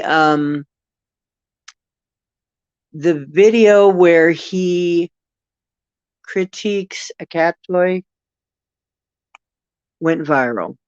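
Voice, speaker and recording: An older channel host with a Northeastern Ohio accent chats casually and expressively on a livestream, laughing often and letting sentences trail off into fillers. His voice sits in the mid range, and the recording is dry and lo-fi.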